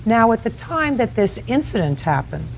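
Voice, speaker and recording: A woman judge questioning litigants in a courtroom, sharp and interrupting, scolding them. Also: a little high, very animated, moderate pace, faint music behind.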